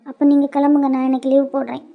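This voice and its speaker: A shrill, very high voice belongs to a wounded young woman in a cartoon, voiced by a woman. She speaks with a Kanyakumari Tamil accent and stumbles over her words, repeating them as she goes. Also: completely flat delivery, gravelly, phone-quality sound. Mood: hurt. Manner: halting, repeats words while upset. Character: young woman, hurt and tearful, wife and sister. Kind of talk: cartoon voice acting.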